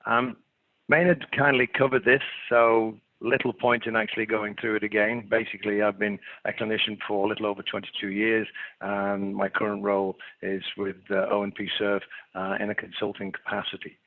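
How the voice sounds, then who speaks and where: A man's voice: lowish voice, flat delivery, a little fast, no echo. A middle-aged man with an English accent giving an informal webinar presentation, hesitant, polite and self-deprecating. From England. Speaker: webinar presenter, clinical consultant. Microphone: remote webinar call. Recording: narrow phone-like line.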